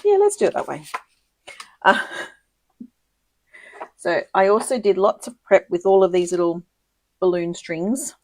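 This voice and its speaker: A woman talks through a crafting project on a live stream, chatty and quick to laugh, with plenty of ums and restarts. Her voice sits a little low, and the sound is dry and close with no room around it. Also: lively intonation, no room sound. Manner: chatty, giggly, lots of ums and self-corrections. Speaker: papercraft demonstrator hosting a live video. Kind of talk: casual live crafting tutorial.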